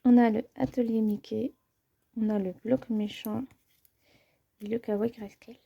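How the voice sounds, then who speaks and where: A woman chatting casually in a vlog about her book collection, hesitant, with many pauses and fillers, sometimes dropping to a near-whisper. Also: fairly high pitch, steady tone, vocal fry, mellow, dull audio.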